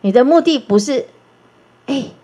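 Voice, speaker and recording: A woman teaching Buddhism in a lively lecture, coaxing listeners with rhetorical questions and little acted-out dialogues. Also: high-pitched, unhurried. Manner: coaxing, gentle asides. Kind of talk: Dharma lecture.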